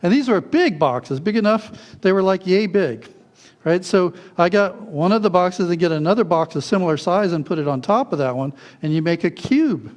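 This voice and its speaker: A man with a fairly high voice preaches with lively, animated storytelling. He chuckles as he goes and acts out the voices of the people in his anecdotes before easing into his lesson. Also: normal speed. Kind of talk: sermon with childhood anecdotes.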